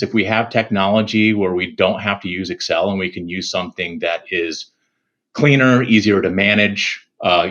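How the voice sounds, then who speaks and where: Low-voiced man guest on a dull remote line. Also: fairly bright tone. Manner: measured, thinking aloud with fillers. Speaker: security executive guest. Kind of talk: casual interview answers.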